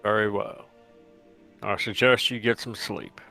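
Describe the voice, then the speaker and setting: A man playing a gruff, commanding soldier in a tabletop game, curt and forceful, with a gravelly voice. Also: fairly low pitch, little pitch movement, a little slow, faint music behind, exaggerated voice. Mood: brusque.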